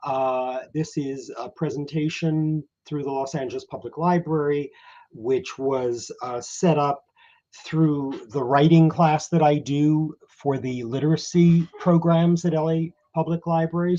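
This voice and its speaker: A man's voice: fairly high pitch, warm tone, lo-fi sound. A man hosting a writing class, introducing a guest in a hesitant way with many uh fillers, on a video call. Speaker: host, writing class teacher.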